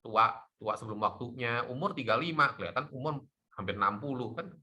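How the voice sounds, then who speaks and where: A middle-aged man, a doctor, explaining health topics in a lively talk show chat. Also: mid-range voice, fast talker. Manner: lively, animated explaining with laughs.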